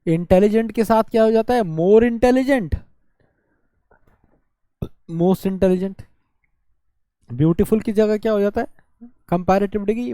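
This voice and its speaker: High-voiced Hindi-speaking male teacher. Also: mellow, no echo, clean studio sound. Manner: explains by asking and answering his own questions; drawls words out to show syllables. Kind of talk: exam-prep grammar lesson.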